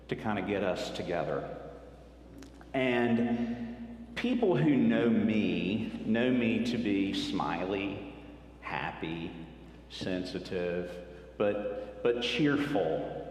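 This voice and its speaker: A man in his 50s tells personal stories in a friendly way to a church retreat group in a church hall. His voice is lowish and a little mellow, with a little hiss or hum. The hall is echoey, with faint ambience.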